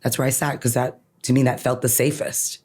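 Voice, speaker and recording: A woman attorney who grew up in Canada, with Farsi as her first language, reflects personally as a podcast guest, earnest and emphatic, often closing points with "right?" Her voice is very deep, steady, brisk and darkish in tone.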